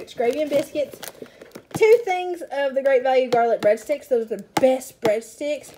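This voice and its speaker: There's a slight hiss or hum as a chatty, high-voiced mom vlogger runs through her grocery haul at home in the kitchen. Out of breath and excitable, she pokes fun at herself, with bag rustling and clicks in the background.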